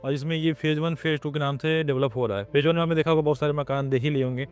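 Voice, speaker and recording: A man's voice: fairly even intonation, quick pace, smooth, soft background music. A man with a Lucknow Hindi accent, a developer's representative, answering questions outdoors and describing plots, parks and bank loans. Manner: pitches amenities and loan terms plainly. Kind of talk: answering interview questions on site. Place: outdoors at a plot site.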